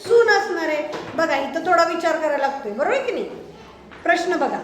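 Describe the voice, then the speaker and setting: A very high-pitched woman teaches a live class and keeps asking her pupils check questions as she goes. Her voice rings around a roomy, echoey classroom. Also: big pitch swings, a little fast, a little hiss or hum. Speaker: schoolteacher. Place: school classroom with pupils present.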